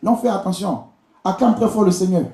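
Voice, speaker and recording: Briskly and in a high, dark-toned voice, a visiting prophet and preacher from Côte d'Ivoire exhorts his congregation directly, repeating key phrases in a charismatic sermon delivered with an Ivorian accent. It's a live service in an indoor church, with echoey hall sound and slight background noise.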